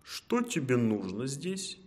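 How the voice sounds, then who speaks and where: A hungry grey wolf from a children's tale, speaking slowly and slyly with quiet menace, as a man puts him on. Soft reverb from the room surrounds him. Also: mid-range voice, wildly swooping pitch. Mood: sly menacing. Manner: slow, sly, threatening.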